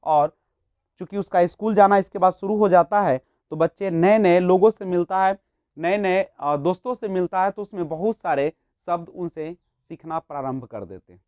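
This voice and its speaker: A woman with a lowish, mellow voice teaches at a moderate pace, giving an exam-prep child-development lecture for a teaching exam in Hindi laced with English terms, asking questions and answering them herself. There's no echo, but the audio is dull.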